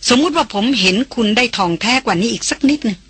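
A woman's voice: fairly high pitch, expressive, fast talker, slightly rough, no room sound. A woman reading an audiobook, voicing a bold young man who earnestly courts a foreign woman. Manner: earnest, pleading, raised voice.

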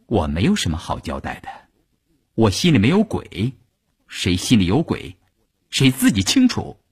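A man voicing a proud, fiercely loyal young wife who talks back defiantly, with a husky voice. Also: fairly low pitch, wildly swooping pitch, normal speed, heavily acted. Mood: cold. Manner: defiant shouting.

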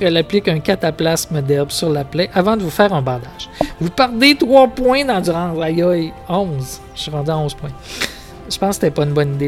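A man with a Québécois accent hosting a podcast, reading a gamebook aloud with dramatic narration and casual asides. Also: a little high. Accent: Québécois French. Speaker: podcast host.

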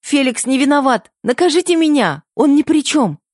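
A man's voice: a little high, lively intonation, fairly quick, a little mellow, dry recording, studio quality, voice pushed up, close to an everyday voice. A man voicing a flustered young heroine. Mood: pleading. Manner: blurting, breathless pleading.

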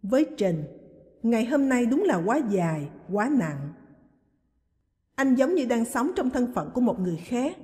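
Woman reading a story, steady pace, highish voice, lots of echo. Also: measured pace. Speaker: audiobook narrator. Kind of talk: storytelling narration.

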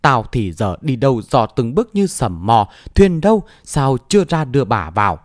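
A man's voice: medium pitch, sing-song, normal speed, dry recording, clean studio sound. A man voicing a scheming old female owl queen from a martial-arts tale, shrieking and scornful.

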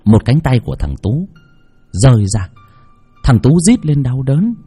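A man's voice: very animated, unhurried, dark tone, breathy edge, soft background music. A man narrating a horror story dramatically. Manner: dramatic, shifting pitch for effect.

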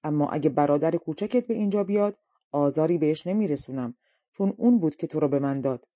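Woman reading as a booming dragon king. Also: no echo. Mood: proclaiming. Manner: loud, commanding. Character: menacing male dragon king, blustering.

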